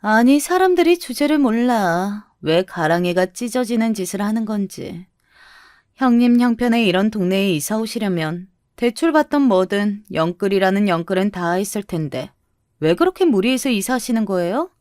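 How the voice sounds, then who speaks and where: A woman voicing a snobbish sister-in-law near forty who talks down to others in a slow, mocking drawl. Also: mid-range voice, expressive, darkish tone, no room sound, clean studio sound, lightly acted. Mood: sneering. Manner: mocking, condescending, drawn-out.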